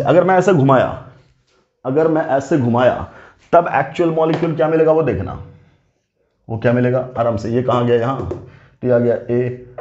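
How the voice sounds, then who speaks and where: A man's voice: medium pitch, a little mellow. A male chemistry teacher giving a classroom lecture, repeating points and checking that students understand. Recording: roomy, slightly dull classroom recording.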